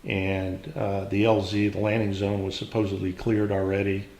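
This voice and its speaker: An older American man, a veteran remembering his service in an unscripted interview, speaking in a measured, halting way with reflective pauses. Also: on the low side, completely flat delivery, a little mellow. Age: older, around 70s. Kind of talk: unscripted oral history interview, reminiscing. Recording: roomy, echoing interview sound.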